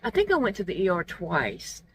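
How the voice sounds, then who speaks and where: A woman with soft, toothless, gummy articulation, feeling unwell, chatting candidly and casually to her vlog viewers. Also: fairly low pitch, wildly swooping pitch, normal speed, background noise. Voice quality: toothless, gummy articulation from not wearing teeth. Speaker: vlog host. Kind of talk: casual personal vlog chat.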